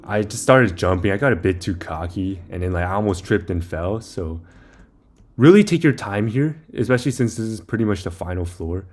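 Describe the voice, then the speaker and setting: This young man's game guide is casual and a touch rambling as he describes each step while playing. He speaks expressively at a normal pace in a low-leaning voice with a darkish tone.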